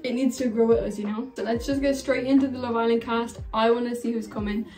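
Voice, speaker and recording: A woman's voice: a little high, fairly even intonation, quick pace, a little mellow, soft background music. A woman in her twenties casually gossiping and giving opinions in a reaction vlog. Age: 20s. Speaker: reaction vlogger.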